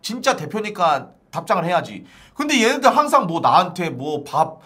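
Guy streamer ranting to chat, bright voice that jumps all over the place. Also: high-pitched, big pitch swings, moderate pace. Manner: exasperated, ranting, repeats "아니" constantly. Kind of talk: live stream rant to viewers.

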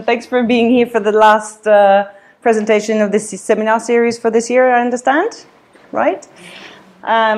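A woman from Switzerland giving a seminar talk in a meeting room, with many ums and uhs, filmed by a camera across the room. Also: medium pitch. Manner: many fillers, hesitant, laughs often. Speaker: seminar speaker. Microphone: far camera.

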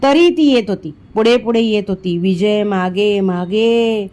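A woman from India reading a children's storybook aloud, performing the dialogue with lively expression. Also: a little slow. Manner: expressive, voices the dialogue with rising pitch in tense moments. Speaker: audiobook reader. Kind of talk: storybook narration.

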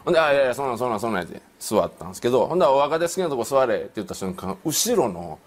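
A middle-aged man with a Kansai accent, spinning a comic tale at a rapid clip. His pitch leaps up and down as he mimics the people in his story, keeping the telling lively and animated. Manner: animated, acts out quoted voices, rapid delivery. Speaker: comedian telling an anecdote. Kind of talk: comic storytelling on a panel show.

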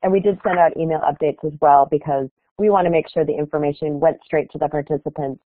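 A low-pitched woman from the Chicago area gives an earnest, explanatory webinar keynote, sprinkled with fillers. The audio has no echo but sounds tinny, like a phone call.

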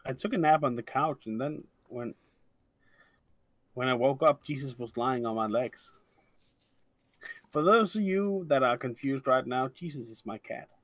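A man's voice: medium pitch, a little slow, pauses often, no echo. A European man co-hosting a game development stream, joking and chatting casually. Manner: lively, joking, laughs easily. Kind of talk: casual chat while gaming.

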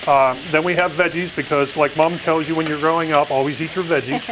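A man's voice: a little high, steady tone, fairly quick, noisy background. A middle-aged man who owns a restaurant, talking as a guest on a TV cooking segment. He rambles, with many fillers and repeated words. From Pennsylvania. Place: studio kitchen set, indoors. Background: faint sizzling of frying food.

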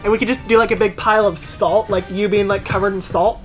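A young woman hosting a casual let's-play, chatty and excitable, cheering her teammates on. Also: mid-range voice, fast. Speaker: gaming channel host. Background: game music.

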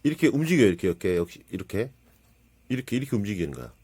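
A man casually narrating as he assembles and shows off a plastic model kit, excitable and prone to exclaiming and muttering to himself while he handles the parts. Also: lowish voice, very fast, husky. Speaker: model kit builder reviewing his build. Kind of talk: casual hands-on hobby narration.

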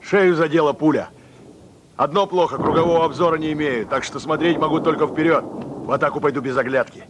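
An actor playing a plucky wounded Red Army sergeant, wry and jaunty, in a war film. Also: male voice, on the high side, fairly even intonation, a little fast, background noise, natural voice. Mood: wry bravado. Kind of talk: war film battle dialogue.

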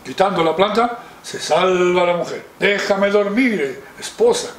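A man's voice: high-pitched, expressive, a little slow, a little hiss or hum. A man voicing a grumpy, sleepy dragon who whines about being woken, told as a children's story. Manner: whiny, exasperated complaining. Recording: roomy, distant mic.

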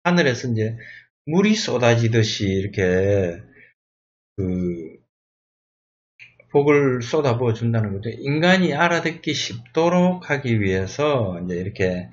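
A man tutoring through a Bible exam review lesson, reading verses aloud and sounding out English words slowly. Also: mid-range voice, sing-song, lo-fi sound.

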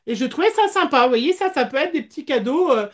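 A high-voiced woman chats animatedly through a casual craft livestream in a small room. She pauses hesitantly now and then, talking into a device at arm's length.

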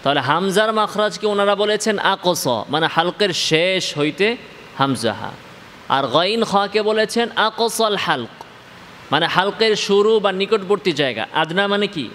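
A man from Bangladesh teaching Quranic letter pronunciation in a slow spoken lesson. He asks his listeners questions, answers them himself, and draws out each letter sound. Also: high-pitched, animated, fairly bright tone, long reverb tail, a little hiss or hum.

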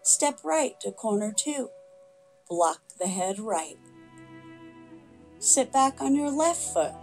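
An older woman instructor calling out tai chi movements in serene, measured short phrases. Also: a little high, big pitch swings, darkish tone, faint music behind.

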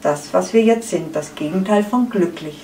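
A woman voicing a calm, contented egg yolk who gently calms its partner, read in a roomy space from a distance. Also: on the low side, normal speed, a little hiss or hum, natural voice. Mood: soothing. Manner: soothing, placid. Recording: echoey room, far from the mic.

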